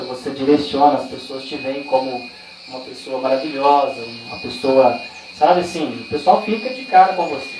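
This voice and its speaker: High-voiced man teaching in an echoey room. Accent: Brazilian Portuguese. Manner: conversational, explains with rhetorical questions and personal anecdotes. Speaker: workshop trainer. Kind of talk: informal training talk. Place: indoor training room. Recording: echoey room, far from the mic, faint insect noise.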